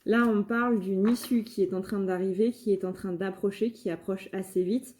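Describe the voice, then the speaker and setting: A woman's voice: mid-range voice, steady tone, normal speed, a little mellow. A woman giving a casual channeled tarot reading, hesitant, with many fillers and restarts. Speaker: tarot reader and medium.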